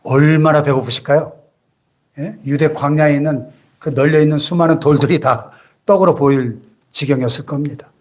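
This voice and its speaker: Man around 60, senior pastor, high voice, sermon, rhetorical questions to the congregation. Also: steady tone, normal speed.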